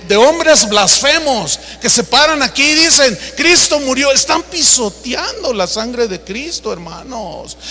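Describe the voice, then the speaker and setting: A man's voice: extremely high pitch, bright, forceful tone. A man preaching a sermon, emphatic and acting out stories as he goes. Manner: emphatic preaching with acted-out anecdotes. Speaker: pastor. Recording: reverberant hall.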